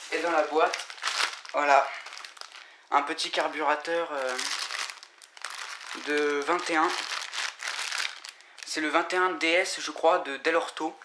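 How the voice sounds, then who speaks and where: A man giving a casual, halting unboxing commentary, full of fillers and restarts. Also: on the high side. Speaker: vlogger unboxing scooter parts. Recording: echoey room with loud noise and crinkling.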